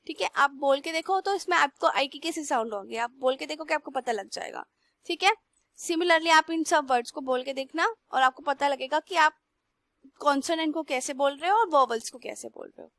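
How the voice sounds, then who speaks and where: A young woman teacher slowly reads textbook lines aloud and then explains them in Hindi. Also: high voice, a bit bright, no echo. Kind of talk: classroom lesson.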